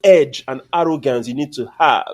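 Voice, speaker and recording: A man co-hosting a podcast, chatting casually about sports in an emphatic, lively, opinionated way. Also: mid-range voice, normal speed. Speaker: podcast co-host.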